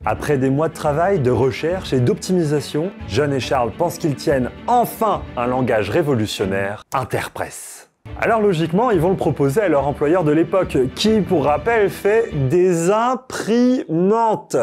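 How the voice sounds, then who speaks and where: A man's voice: a little high, expressive, normal speed, over music. A man hosting a tech explainer, narrating a script with playful, jokey asides to the viewers. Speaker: host of a tech channel.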